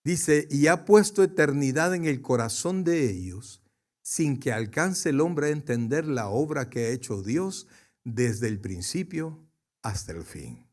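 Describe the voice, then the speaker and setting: A man preaching a sermon to his congregation, swinging from soft to loud and questioning his listeners directly. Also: medium pitch, lively intonation, a little slow. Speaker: pastor.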